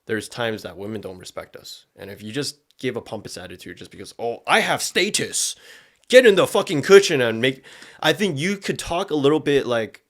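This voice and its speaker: A man hosting a podcast riffs casually and opinionatedly, his slang thick with profanity. His medium-pitched voice is sing-song and a bit bright, at a moderate pace.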